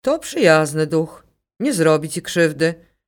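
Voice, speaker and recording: A woman voicing a calm, commanding female psychic medium with a Ukrainian accent, speaking slowly and insistently. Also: sits low, pitched below the performer's own voice, exaggerated voice. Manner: slow, insistent, instructing. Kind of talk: audiobook character reading.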